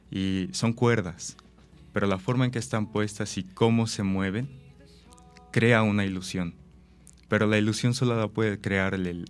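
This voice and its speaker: A man, an actor and director, explaining his ideas thoughtfully with examples and rhetorical questions. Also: on the low side. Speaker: actor and director, interview guest. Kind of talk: reflective interview talk.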